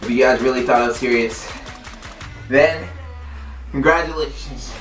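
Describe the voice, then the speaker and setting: A YouTube challenge host chatting casually to viewers in a halting, repetitive way, leaning heavily on filler words. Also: medium pitch. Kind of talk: casual vlog chat to viewers. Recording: echoey room, distant mic, faint music.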